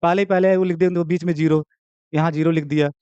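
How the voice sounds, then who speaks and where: A young male maths teacher with a Hindi accent lectures in a casual classroom style, mixing in jokes and checking in with the class all the time. His voice sits high and rings clear. The sound is dry and close, with no room echo. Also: steady tone, fast, warm tone, lo-fi sound. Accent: Hindi, Uttar Pradesh. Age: young adult. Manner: chatty, joking asides, keeps asking "theek hai?".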